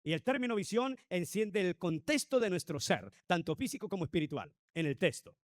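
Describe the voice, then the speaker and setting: A man preaching a Sunday school sermon in a high voice. He presses the congregation with rhetorical questions and emphatic declarations. The recording is dry, with little room sound. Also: big pitch swings, a little fast, no echo. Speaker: pastor.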